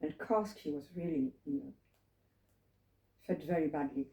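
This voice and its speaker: In a roomy-sounding living room, an elderly French woman speaking English tells her life story to a small group, reflecting, wandering off on tangents and asking them questions. Her voice sits low, warm and unhurried.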